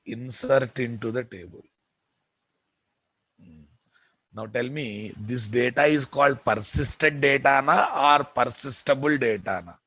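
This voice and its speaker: A man with a Telugu Indian accent teaching software in an informal lecture, repeating points emphatically and often checking with listeners. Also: mid-range voice, measured pace, husky, dry recording. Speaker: programming instructor.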